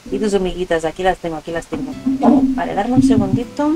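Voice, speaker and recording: A woman's voice: lowish voice, fast talker, rough recording. A woman with a Spanish accent from Spain, chatting casually and affectionately with viewers as she streams a video game. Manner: chatty, informal, addressing viewers with endearments. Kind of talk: casual livestream chat while playing a video game. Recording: music playing behind the voice. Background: game music and stream sound alerts.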